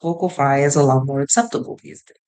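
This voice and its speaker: A low-voiced young woman chats to her camera in a loose, rambling way. She gives advice as if talking to a close friend. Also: fast, a little mellow, rough recording. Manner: chatty, rambling, shifts into playful voices. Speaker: vlogger. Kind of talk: casual advice chat to camera.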